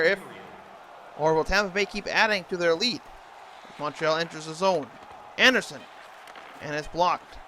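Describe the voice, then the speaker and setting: A man's voice: high-pitched, sharp tone, a little hiss or hum. A man doing hockey play-by-play commentary in an imitation of a TV sports announcer.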